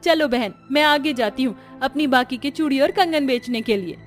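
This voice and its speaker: A woman's voice: sits high, moderate pace, voice pushed up, close to an everyday voice. A woman voicing a poor, hardworking young bangle seller who speaks in an earnest, kind way, over faint music. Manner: bright, earnest, street-vendor calls.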